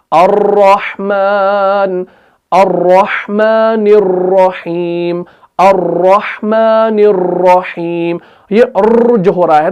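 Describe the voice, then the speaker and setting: A man, teaching a recitation class, explaining slowly and asking and answering his own questions. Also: high-pitched, a little mellow. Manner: recites Quranic verses in drawn-out chant. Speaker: tajweed teacher. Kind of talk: online Quran recitation lesson.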